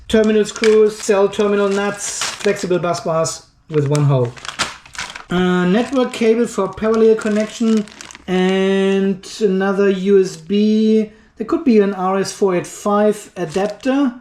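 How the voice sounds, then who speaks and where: A video host with a high-pitched but darkish voice casually reviews a product, with a little hiss or hum audible. He talks informally and thinks aloud as he unboxes and handles the item. The setting seems to be a workshop or garage, giving the audio an echoing, roomy quality.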